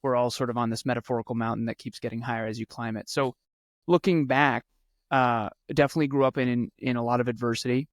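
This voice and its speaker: A man's voice: medium pitch, level tone, fast, dry recording, clean studio sound. A man, telling his life story as a podcast guest in an earnest way and repeating words for emphasis. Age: 30s. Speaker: podcast guest, speaker and coach. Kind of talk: conversational interview storytelling.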